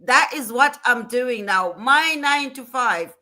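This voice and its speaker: A woman's voice: fairly high pitch, animated, measured pace, sharp tone. A woman hosting a motivational livestream, talking in an earnest, emphatic way and repeating her points. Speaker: livestream host.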